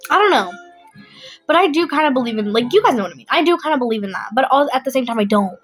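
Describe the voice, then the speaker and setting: A woman's voice: sits high, expressive, racing, soft background music. A young adult woman vlogging in a casual, rambling chat, blunt and emphatic, often repeating herself.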